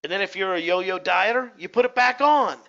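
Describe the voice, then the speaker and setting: A man's voice: high-pitched, fairly quick, vocal fry, a bit bright, muffled recording. A man hosting a motivational webinar, talking conversationally and putting direct questions to his audience. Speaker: webinar host.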